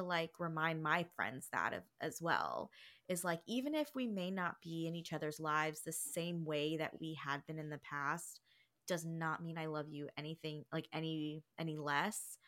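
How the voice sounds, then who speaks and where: A woman's voice: low voice, a bit bright. A woman in her thirties co-hosting a casual podcast, speaking reflectively and meandering through her ideas with many fillers. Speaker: podcast co-host.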